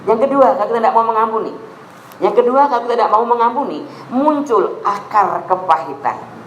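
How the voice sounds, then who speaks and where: A woman's voice: a little high, fairly quick, slight background noise. Javanese-accented woman pastor preaching. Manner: lively, mixing in local Javanese phrases. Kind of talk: sermon. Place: church hall. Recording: echoey room with faint ambience.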